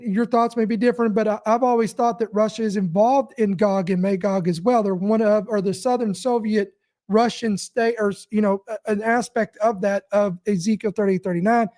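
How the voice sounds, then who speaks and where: Halting host asking long questions. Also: medium pitch, fairly even intonation, a little mellow. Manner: halting, many fillers and restarts. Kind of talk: interview questions.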